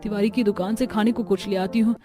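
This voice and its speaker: A woman's voice: mid-range voice, steady tone, fast talker, music in the background, natural voice. A woman voicing a carefree young daughter-in-law who talks in a breezy, cheeky way.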